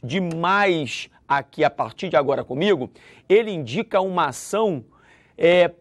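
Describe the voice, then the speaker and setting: A man with a Brazilian Portuguese accent teaching a video grammar lesson, lively and acting out example sentences. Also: sits high, no room sound. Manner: lively, acts out example sentences with shifting intonation.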